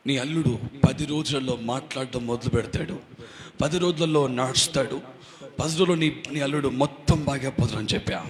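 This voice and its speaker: Fervent high-voiced male preacher. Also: in a large hall. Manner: fervent preacher, calls for amens, rising to shouts. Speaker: pastor. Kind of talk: Telugu sermon.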